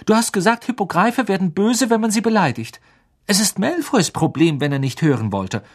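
A man's voice: high-pitched, big pitch swings, normal speed, pitched above the performer's own voice. A man voicing an indignant teenage schoolboy who speaks bluntly. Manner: blunt, loud.

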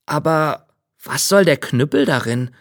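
A man's voice: a little high, expressive, unhurried, no room sound, studio quality. A man voicing a proud, bold young male turner journeyman in a fairy tale. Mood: eager. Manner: bright, eager and boastful.

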